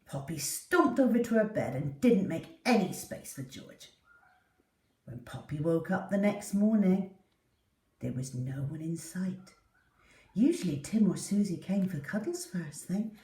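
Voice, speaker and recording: A woman with a lowish, sing-song, mellow voice reads a children's story aloud at a measured pace, with theatrical, dramatic delivery. She sounds distant from the mic in an echoey room.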